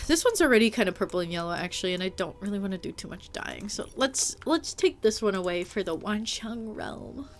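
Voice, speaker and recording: A woman's voice: mid-range voice, brisk. A woman streams a game and chats casually with her viewers. She sounds playful and teasing, pokes fun at herself, and fills her speech with "like." Faint game music plays behind her. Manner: animated, with frequent filler "like" and mild swearing. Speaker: live streamer. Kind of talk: casual live-stream chat while playing a game.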